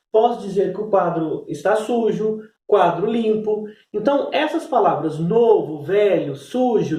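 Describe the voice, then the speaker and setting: High-voiced teacher. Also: male voice, darkish tone, roomy sound, far from the mic. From Brazil. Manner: explanatory, repeats "né?" and "então". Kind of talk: recorded class lesson. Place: classroom.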